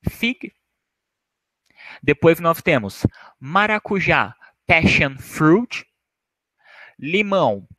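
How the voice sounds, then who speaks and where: A man's voice: medium pitch, fairly bright tone, no echo, low-quality recording. A man whose first language is Portuguese, teaching a vocabulary lesson and repeating each word with careful emphasis. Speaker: English teacher.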